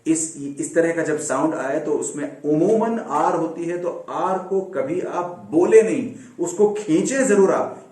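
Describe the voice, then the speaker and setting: A man's voice: fairly high pitch, a little mellow, distant mic. Man teaching pronunciation in an echoey room. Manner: patient, repeats words slowly to demonstrate. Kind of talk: classroom lesson. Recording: echoey room, speaking away from the mic.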